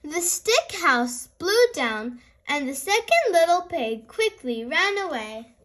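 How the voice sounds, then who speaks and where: A woman reading a storybook to small children in an animated fairy tale opening manner, as a host of story time. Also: extremely high pitch, slow.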